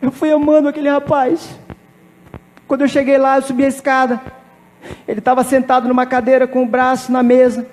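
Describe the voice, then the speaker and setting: A pastor preaching a sermon, telling a personal testimony with emphatic repetition. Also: male voice, very high voice, level tone, fairly quick, a little mellow, in a large hall. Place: church.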